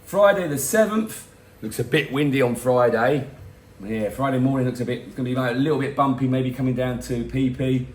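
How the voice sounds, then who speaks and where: A hoarse, middle-aged man who is losing his voice hosts a casual weather vlog for a boat tour company, filmed at home in front of a garden. He speaks briskly at mid pitch in a roomy-sounding space, chatty and rambling with self-mocking asides.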